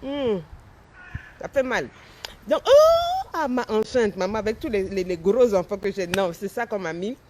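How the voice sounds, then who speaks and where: A woman's voice: mid-range voice, normal speed, heavy background noise. A woman in her forties, a life coach chatting casually on a live stream, talking with a slight lisp from a dental aligner and answering viewers' comments. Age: 40s.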